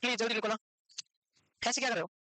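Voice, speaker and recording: A woman's voice: a little high, fast talker, pushed and bright, no room sound. A woman teaching a nursing exam class in a classroom, quizzing her students and scolding them for not knowing the answers. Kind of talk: classroom lecture.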